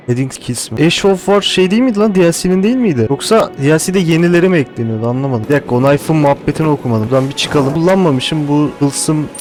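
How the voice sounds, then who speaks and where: A man giving casual gameplay commentary, excitable and thinking out loud, with casual swearing. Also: fairly high pitch, fast, hardly any pauses, music in the background, rough recording. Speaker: gaming host.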